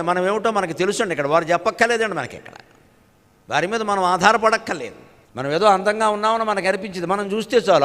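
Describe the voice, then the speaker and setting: Older male spiritual lecturer, high-pitched, chants verses and explains them, long hall reverb. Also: fairly bright tone. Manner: chants Telugu verses slowly, then explains in conversational asides. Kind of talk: religious discourse with chanted verses.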